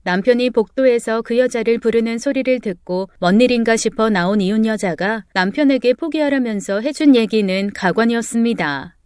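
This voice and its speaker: A woman's voice: fairly high pitch, moderate pace, few pauses, darkish tone, smooth, no echo, studio quality. A woman narrating a true-life story in a plain, gossipy storytelling way.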